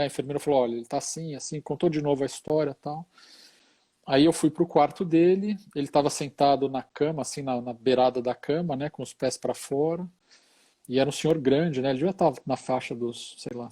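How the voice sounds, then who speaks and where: Husky-voiced Brazilian man telling a story. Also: medium pitch, normal speed, mellow. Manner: easygoing, tag questions after many phrases. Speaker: hospital chaplain. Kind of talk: storytelling in a casual conversation.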